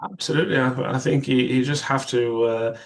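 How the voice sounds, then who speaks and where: A young vascular surgeon whose first language is Arabic speaks as an interview guest, his mid-range voice gravelly and at normal speed. He's reflective, often restarting sentences and adding quoted asides.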